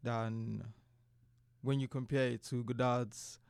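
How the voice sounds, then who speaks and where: A man co-hosting a film podcast, easygoing and conversational, chiming in with quick asides. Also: medium pitch, flat delivery, vocal fry, darkish tone, clear, resonant tone, no echo, clean studio sound. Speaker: podcast co-host. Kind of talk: casual film podcast chat.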